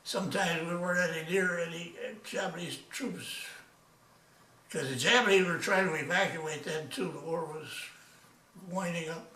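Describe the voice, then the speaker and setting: A man of ninety-eight, an old veteran remembering his service in a casual interview, halting and repeating words as he goes. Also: fairly high pitch, sharp tone. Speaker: retired army major, war veteran. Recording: echoey room, distant from microphone.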